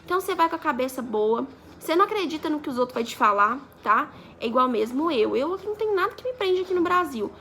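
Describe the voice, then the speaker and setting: Young woman from Brazil, high voice, bright tone, chatty vlog storytelling, light background hum. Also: very animated, quick pace. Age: 20s. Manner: chatty, acts out quoted dialogue. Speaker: vlogger.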